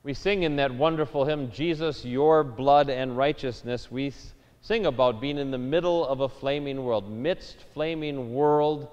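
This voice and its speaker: A man preaching a sermon as a pastor, measured and deliberate, rising in emphasis on key phrases. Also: medium pitch, a little mellow. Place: church sanctuary. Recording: dull lo-fi church recording with long reverb.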